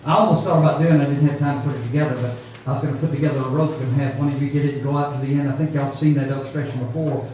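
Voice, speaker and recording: A man with a mid-range, darkish voice and a steady tone races through an informal sermon at a youth camp, speaking to young people in a folksy, repetitive way. It's captured from a distance in an echoey room, with faint noise.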